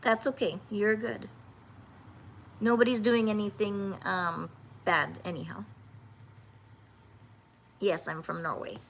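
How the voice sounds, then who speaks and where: Gravelly-voiced woman in her fifties. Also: mid-range voice, fairly even intonation, fairly bright tone, a little hiss or hum. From Canada. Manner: earnest and halting, with many restarts. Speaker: livestream host. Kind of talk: casual livestream chat, answering comments.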